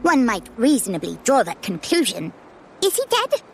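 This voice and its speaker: A woman's voice: a little high, huge pitch swings, moderate pace, vocal fry, a little hiss or hum, heavily acted. A woman voicing a precocious eight-year-old boy who talks in long, formal sentences, in a full-cast audio drama. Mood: solemn. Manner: long-winded formal phrasing.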